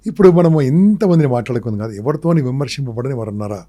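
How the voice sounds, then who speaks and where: Fast-talking guy, emphatic motivational speaker, piles up questions, low mellow tone. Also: animated. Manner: emphatic, fires off rhetorical questions and lists. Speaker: public speaking trainer. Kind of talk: motivational interview talk.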